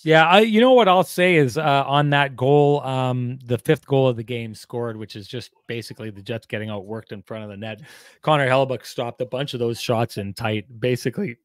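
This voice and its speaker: Upbeat podcast host. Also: male voice, medium pitch, normal speed, smooth, dry recording, studio quality. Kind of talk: casual sports chat with ad reads. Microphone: handheld mic on video call.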